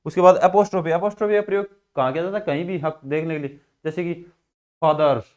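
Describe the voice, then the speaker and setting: A man's voice: on the high side, steady tone, quick pace, a little mellow. A man with a Haryanvi Hindi accent teaching a school class, asking questions and then answering them himself. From India. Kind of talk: classroom grammar lesson.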